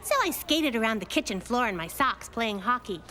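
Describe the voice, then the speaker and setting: A woman voicing a spirited, mischievous little girl in a children's cartoon, with expressive, perky delivery. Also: fairly high pitch, moderate pace, crowd noise, background noise, close to an everyday voice. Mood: wry storytelling. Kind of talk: animated children's cartoon acting.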